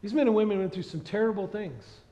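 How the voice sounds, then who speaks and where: A middle-aged man preaching a sermon on a church stage, animated and asking the congregation questions. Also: sits high, fast. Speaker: pastor. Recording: dull sound with long hall reverb.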